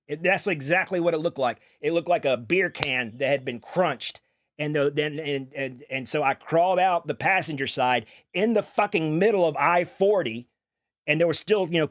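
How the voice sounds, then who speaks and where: A young man tells a long, rambling story while he streams a game. He swears casually and stumbles over repeated words. His voice is a little higher than most men's, and the sound is dry and close, with no room echo.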